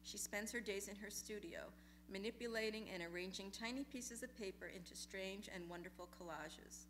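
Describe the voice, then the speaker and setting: A woman with a bright, clear voice reads personal essays aloud in a lecture hall, middle-pitched and unhurried. Her delivery is measured and deliberate, letting each phrase settle before the next. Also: a little hiss or hum. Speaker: essay reader at a memorial reading.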